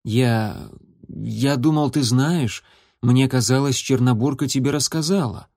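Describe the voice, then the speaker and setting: A man voicing a serious young warrior tomcat who mentors a kitten, speaking in a grave, measured way. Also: medium pitch, a little mellow, no echo, clean studio sound. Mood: stern. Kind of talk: audiobook character voice.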